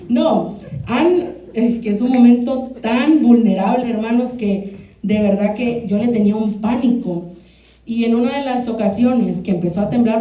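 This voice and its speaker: A young woman, preaching a sermon in a lively, humorous, storytelling way in a church hall. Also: medium pitch. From Guatemala. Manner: animated, humorous, acts out shouts. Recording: echoey church hall from far off.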